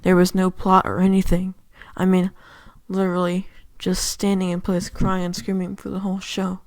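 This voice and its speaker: A woman reading a horror story aloud, sometimes dropping into a hush on the eerie lines. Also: fairly low pitch, monotone, moderate pace, poor audio. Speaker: reader. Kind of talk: scripted horror narration.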